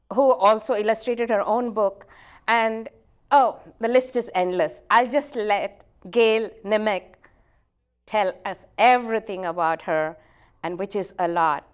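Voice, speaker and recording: A woman's voice: on the high side, smooth. A woman hosting a talk show, introducing and interviewing her guest in a friendly way. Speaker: host.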